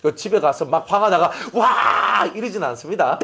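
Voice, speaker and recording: A middle-aged male pastor preaching a sermon in an animated way, acting out little scenes with voices. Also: fairly high pitch, quick pace, very noisy.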